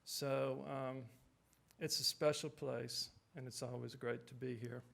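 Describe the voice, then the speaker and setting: A male author giving relaxed, self-deprecating remarks at a writers' conference, then reading his own short story aloud. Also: mid-range voice, measured pace, vocal fry.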